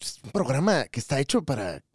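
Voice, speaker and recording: A man with a Mexican Spanish accent co-hosting a casual comedy podcast, jokey and animated, with asides. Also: medium pitch, fairly quick, husky, dry recording, clean studio sound. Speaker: podcast co-host.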